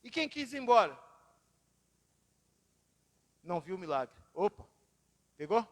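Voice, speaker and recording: This pastor's high, fairly bright voice has a sing-song quality, and he speaks a little slowly. Preaching in a church hall with a long reverb, he tells personal stories marked by dramatic vocal swings.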